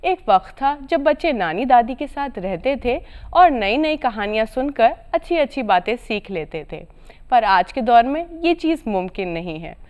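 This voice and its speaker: A woman's voice: on the high side, sing-song, normal speed, smooth, highs cut off. A woman hosting a TV programme, introducing and interviewing a guest courteously with frequent affirming interjections. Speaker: TV show host.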